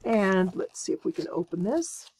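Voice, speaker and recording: A woman's voice: medium pitch, big pitch swings, normal speed, darkish tone, slight background noise. A woman hosting her quilting channel, chatting enthusiastically and exclaiming with delight as she unboxes and shows fabrics. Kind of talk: casual unboxing chat.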